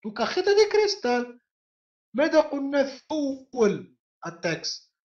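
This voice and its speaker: High-voiced male teacher in echoey classroom. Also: wildly swooping pitch, fairly quick. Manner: repeats and drills sounds patiently, quizzes the class. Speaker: language teacher. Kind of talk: classroom lesson. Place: classroom with students. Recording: echoey room, dull lo-fi sound.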